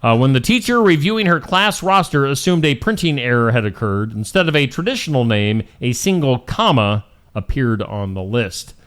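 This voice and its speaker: A man's voice: medium pitch, animated, normal speed, a bit bright, clear, resonant tone. A man hosting a morning show, reading out weird news stories in a jokey, casual way. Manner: jokey, reads stories aloud and laughs at them.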